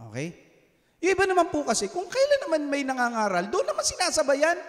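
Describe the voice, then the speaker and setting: A man with a Filipino accent preaching a sermon in a church, animated and teasing, asking the congregation questions and switching between Tagalog and English. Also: very high-pitched, quick pace, big-room sound. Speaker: pastor. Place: church hall.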